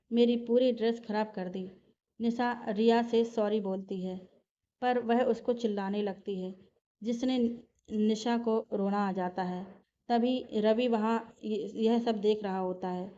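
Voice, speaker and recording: A woman narrating a family story in a calm, steady reading voice. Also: medium pitch. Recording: dull lo-fi recording.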